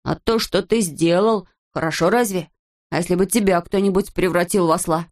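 A woman voicing a small female inner conscience in an audiobook, slow, low and scolding. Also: darkish tone, lightly acted. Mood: mocking. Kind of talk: audiobook character voice.

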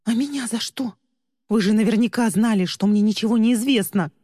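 A woman voicing a frightened young woman who pleads and cries out in a high, strained voice. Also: a little fast, mellow, husky, no echo, clean studio sound. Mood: frightened, pleading. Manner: high, strained and tearful, rising to shrieks.

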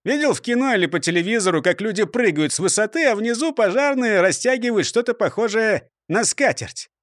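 A man's voice: high voice, expressive, brisk, a bit bright, dry recording, clean studio sound, voice pushed up. A man voicing a stern, sensible fire chief in a storybook reading, scolding and matter-of-fact. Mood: practical.

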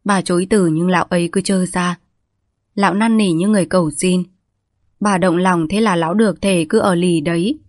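Woman storyteller, calm measured reading, fairly low voice, dry close sound. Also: no echo. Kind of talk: scripted narration of a story.

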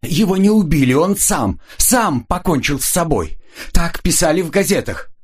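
Scared nervous young woman, shrill and panicky, husky edge, a man putting her on in an audiobook. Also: expressive, moderate pace. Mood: frightened. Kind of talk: audiobook character reading.

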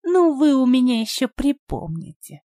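Lady doing a nasty little girl, shrill and sneery, audiobook, high voice. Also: sing-song, normal speed, dark tone, dry recording, clean studio sound. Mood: threatening. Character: spiteful shrill young girl cousin.

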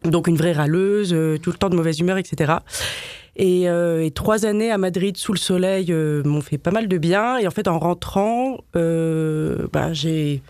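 A woman from Paris, a graphic designer, chatting as a guest in a casual interview, laughing often and filling pauses with many hesitations. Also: lowish voice, a little mellow, smooth, dry recording. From Paris, France.

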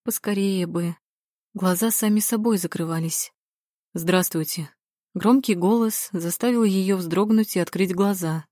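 A woman narrating an audiobook in a calm, measured reading style. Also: medium pitch, no echo, studio quality. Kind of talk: scripted narration.

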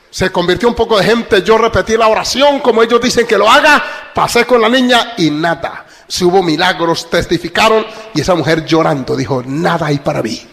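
Male pastor preaching, gravelly voice, dramatic storytelling that swings from whisper to shout, long hall reverb. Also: fairly high pitch. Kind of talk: sermon.

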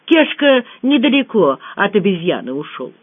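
An audiobook reader voicing a loud, excitable teenage girl who exclaims and argues, over a tinny phone-like sound. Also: medium pitch, moderate pace, no echo. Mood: excited.

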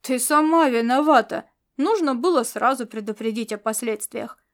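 A woman's voice: high-pitched, unhurried. A woman reading an audiobook and voicing a hot-tempered male space mercenary who argues back defensively. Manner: indignant, defensive, yelling back. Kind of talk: audiobook character voice.

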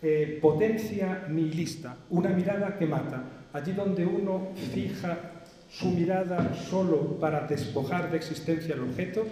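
A man lectures at a seminar in a mellow, fairly high voice, building his points through chains of rhetorical questions. He pauses often and hesitates mid-sentence. The sound is roomy, with a long hall reverb trailing each phrase. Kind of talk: philosophical lecture. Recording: echoey hall, distant reverb.

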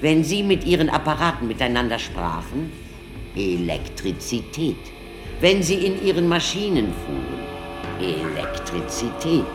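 In a German radio play, an actor plays a theatrical doctor who lectures his audience like a showman. His fairly low voice is declamatory and deliberate.

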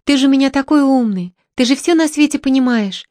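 Determined young heroine, voiced by a woman reader, firm, higher voice. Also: normal speed, a little mellow, dry recording, studio quality, close to an everyday voice. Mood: coaxing. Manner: firm, resolute, raised pitch.

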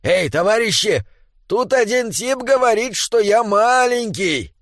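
Man doing a shouty touchy little gnome. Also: sits high, animated, a little slow, no echo, clean studio sound, voice pushed up. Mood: indignant. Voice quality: indignant, shouty. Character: grumpy touchy male gnome miner, small, militant.

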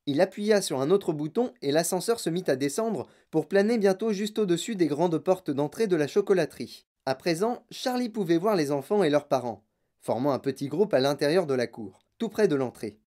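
An audiobook narrator reading a children's story in a steady, measured way. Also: mid-range voice.

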